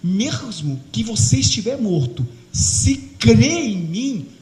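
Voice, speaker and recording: A man voicing a calm, gentle religious teacher speaking soothingly, recorded in an echoey hall. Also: sits high, slow, full character voice. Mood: solemn. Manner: soothing, reassuring.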